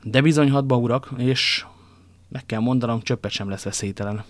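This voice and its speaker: A man's voice: medium pitch, no echo, close to an everyday voice. D'Artagnan, a man doing a firm young guardsman. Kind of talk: audiobook character reading.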